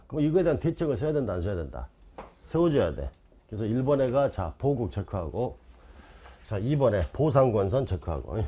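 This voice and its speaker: A man's voice: medium pitch, dark tone. A man giving an online exam-prep lecture, quizzing his students with constant rhetorical questions and insistently repeating key terms.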